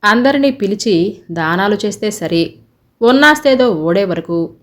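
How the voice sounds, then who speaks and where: A woman voicing an arrogant, sharp-tongued young woman who speaks scornfully, in a narrated story. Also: medium pitch, animated, a little slow, close to an everyday voice. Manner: scornful, cutting.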